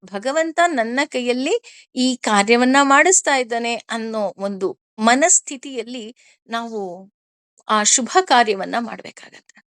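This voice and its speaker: A woman teaches scripture, taking Sanskrit verses line by line and explaining them through everyday examples. Her voice sits fairly high, and she keeps asking her listeners questions. The recording is dry and close. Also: no room sound. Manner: lively, asks listeners questions. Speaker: spiritual teacher. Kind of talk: discourse on scripture.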